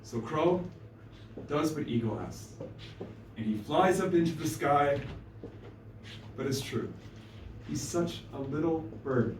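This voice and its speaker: A man telling a myth aloud at a live storytelling night, with dramatic pauses and an expressive delivery. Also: fairly high pitch, slight background noise. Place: small live venue stage. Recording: roomy live stage, distant mic.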